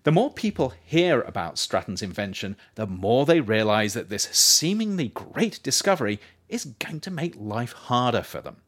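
Reading aloud from his own nonfiction book, a man speaks in a measured, scripted way. His pitch moves animatedly across a wide range, and he presses expressively on important phrases.

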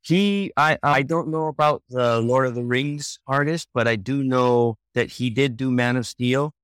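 Smooth-voiced and medium-pitched, this Hawaiian children's book author and illustrator in his forties speaks at a measured pace on a dry recording. He's an easygoing interview guest who laughs often and sometimes restarts his sentences in the casual conversation.

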